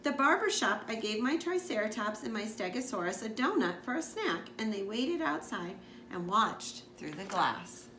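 A woman with a mid-range voice reads a children's picture book aloud as a school librarian, speaking at normal speed with few pauses. Her delivery is expressive, with asides to her listeners. She sits on a couch in a living room, and the recording is echoey with background noise.

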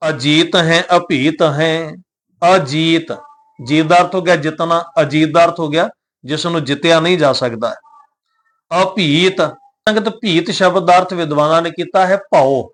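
A man teaching a scripture lesson, reciting each verse slowly, then explaining every word to the listeners he addresses. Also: on the high side, fairly bright tone. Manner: addresses the listeners directly and often. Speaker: Gurbani teacher.

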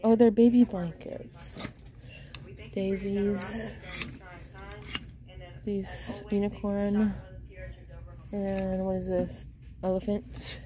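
A woman with a mid-range, dark-toned voice vlogs a relaxed shopping trip through a home goods store. In casual shop-with-me style, she points out items and reads prices aloud.

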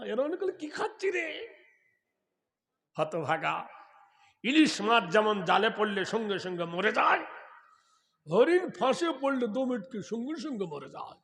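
A male Islamic preacher telling a sermon story, chanting scripture in long melodic lines and breaking into loud shouts. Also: high voice, animated, moderate pace, gravelly.

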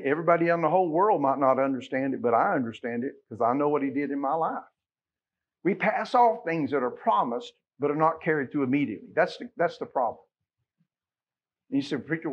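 A middle-aged American man with a husky, mid-range voice preaches from a pulpit in a church sanctuary. His sermon is folksy and conversational, driven by emphatic rhetorical questions. The recording sounds muffled.

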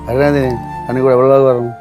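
A man's voice: medium pitch, level tone, very fast, over music, lightly acted. An actor playing a stubborn, drunk father who coaxes his daughter with doting baby talk. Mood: coaxing. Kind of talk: sitcom acting.

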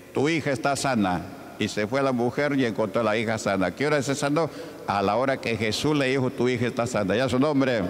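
A male pastor from Peru preaching a sermon in a church hall, calling out questions to the congregation and acting out the voices of Bible figures. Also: mid-range voice. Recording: reverberant church hall with faint ambient noise.

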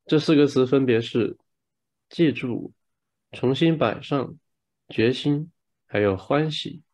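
A man's voice: medium pitch, slow, darkish tone. A man working as a live interpreter, rendering a speaker's words phrase by phrase right after each one. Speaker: live interpreter and session moderator.

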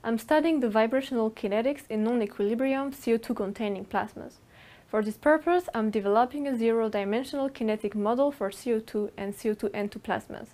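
A young woman from France presents her doctoral research in a steady, scripted way. Her voice sits slightly high. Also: a little fast. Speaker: PhD student. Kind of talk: scripted self-introduction.

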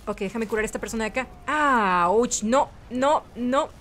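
A young woman hosting a gaming channel. She gives chatty, excitable let's-play commentary and drops English words in here and there. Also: on the high side, fast talker.

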